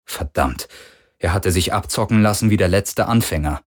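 A man narrating an audiobook with expressive storytelling. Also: low voice, moderate pace, dry recording, studio quality. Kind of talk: scripted narration.

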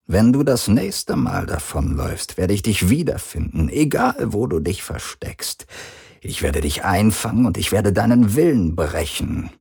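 A possessive father looms in this audiobook, as a man gives him voice. He speaks low and slowly, his tone soft but threatening, with a husky edge. Every word sounds measured and cold. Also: big pitch swings, exaggerated voice. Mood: menacing. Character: cold, possessive, menacing middle-aged father.

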